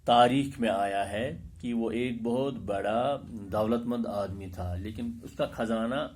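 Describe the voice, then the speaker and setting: Guy teaching kids a language lesson, mid pitch, slow careful words, lots of uhs, faint hum behind. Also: darkish tone. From Kashmir. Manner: slow, deliberate, stresses pronunciation, many filler sounds. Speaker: school teacher. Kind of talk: Urdu class lesson, reading aloud and explaining words.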